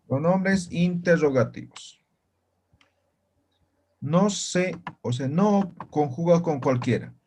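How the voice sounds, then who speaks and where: Slow, patient man teaching a class. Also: a little high, darkish tone, a little hiss or hum. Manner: slow, patient, keeps checking students understand. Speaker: language teacher. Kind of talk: online class lecture.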